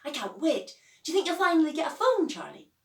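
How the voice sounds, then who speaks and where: A woman voicing an excitable, eager child friend in a storybook reading, speaking in a sing-song way. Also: high voice, fast talker, pitched above the performer's own voice, full character voice. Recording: roomy echo, distant mic.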